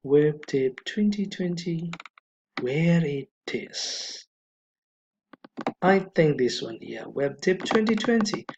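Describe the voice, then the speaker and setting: A man teaching a beginner coding lesson over a screen recording, speaking slowly and deliberately and checking in with "okay" again and again. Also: fairly high pitch, a little mellow, a little hiss or hum. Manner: slow, deliberate, repeats okay often. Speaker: coding instructor. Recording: slightly dull lo-fi mic.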